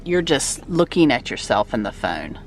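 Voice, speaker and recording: A woman's voice: rumbling low, very animated, normal speed, gravelly, a little hiss or hum. A middle-aged woman chatting casually as a vlogging mother, coaxing and repeating instructions as if to a child. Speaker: mother vlogging with her son. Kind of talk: casual vlog chat. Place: inside a car.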